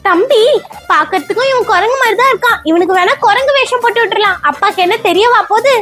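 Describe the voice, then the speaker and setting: Very high squeaky scheming little girl, voiced by a woman. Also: quick pace, a bit bright. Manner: whiny, scheming, childish. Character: mischievous young girl, lazy and scheming. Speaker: daughter Monika. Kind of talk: comedy skit dialogue. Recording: music playing behind.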